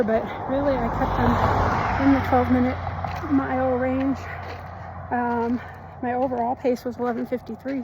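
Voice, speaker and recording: A woman's voice: fairly high pitch, noisy background. A woman chatting casually in a vlog, upbeat and full of fillers, a bit congested from allergies. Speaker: vlogger, triathlete. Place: outdoors on a run, then a kitchen.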